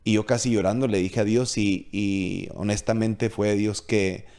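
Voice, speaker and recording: A man with a fairly low voice talks through a casual faith podcast. He is earnest and confessional, and he slips English words into his Spanish. He often stops and restarts his sentences as he searches for what he wants to say. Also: fairly even intonation, measured pace, creaky, darkish tone, clear, resonant tone. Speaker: podcast co-host.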